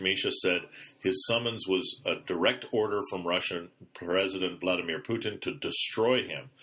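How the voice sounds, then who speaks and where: Low bright-voiced man hosting a news podcast. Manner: chatty asides, self-corrects with ums. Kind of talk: casual news podcast reading. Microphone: computer mic.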